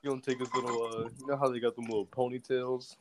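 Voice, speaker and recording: A man's voice: medium pitch, flat delivery, fast. A young man on a podcast, tossing in blunt, slangy quips. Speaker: podcast co-host. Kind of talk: casual chat. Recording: noisy mic.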